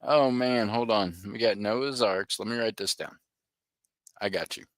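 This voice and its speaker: Running a live auction stream, this middle-aged host banters casually and trades jokes with viewers, addressing them by name. He speaks at a measured pace in a lowish, fairly bright voice, with no room sound.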